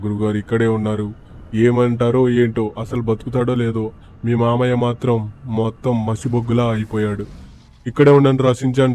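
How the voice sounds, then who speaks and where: A man's voice: medium pitch, dark tone. A man voicing a grown-up in a game story, talking earnestly to the kids. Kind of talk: fan-dubbed game story.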